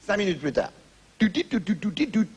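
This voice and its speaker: A comedian on a TV panel show telling jokes with lively sound effects and shouted character voices. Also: male voice, high voice, brisk, slight background noise.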